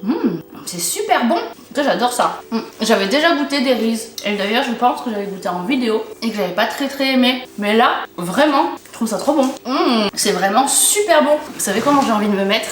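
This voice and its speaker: A woman's voice: fairly high pitch, animated, fairly quick, reverberant. A young woman casually chatting to camera at home, tasting snacks and murmuring as she eats. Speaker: food taster vlogger. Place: home living room, at low table.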